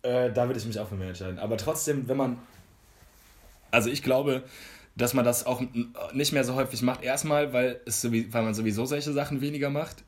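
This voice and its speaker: A man's voice: medium pitch, fairly even intonation, a little fast. A man, co-hosting a casual chat and telling rambling, slangy stories with many restarts. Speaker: podcast co-host.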